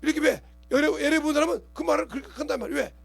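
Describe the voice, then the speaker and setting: A man preaches in a rapid, conversational sermon, his voice pitched unusually high. His tone is heavily gravelly and rough, never smooth. He acts out little scenes and keeps checking whether his listeners understand. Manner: colloquial preaching, keeps asking the congregation if they understand; animated, acts out scenes with gestures and quoted voices. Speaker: pastor.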